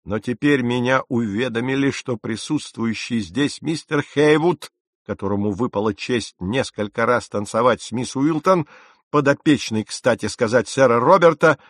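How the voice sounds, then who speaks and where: A man's voice: medium pitch, moderate pace, dry recording, studio quality, lightly acted. A man voicing a stern, furious naval captain in an audiobook, sarcastic and commanding. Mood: indignant. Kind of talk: audiobook character reading.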